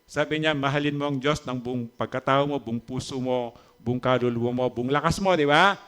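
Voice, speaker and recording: A Filipino man preaches as a pastor in church, chatting conversationally, teasing the congregation with asides, asking them frequent questions, and switching between Tagalog and English. His voice is medium-pitched and clean with a fairly bright tone, at a normal speed.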